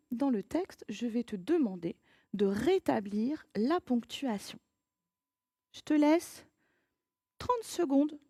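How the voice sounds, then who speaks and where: A woman teacher giving a recorded grammar lesson to children, patient and encouraging, reading example sentences with lively emphasis. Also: fairly high pitch, no echo, clean studio sound.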